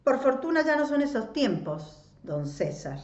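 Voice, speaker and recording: A woman's voice: sits high, sing-song, a little slow, darkish tone, reverberant, highs cut off, voice pushed up. A woman reading aloud, voicing an ironic and arrogant man who has come back home as a godson. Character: proud middle-aged ironic man, a returning godson.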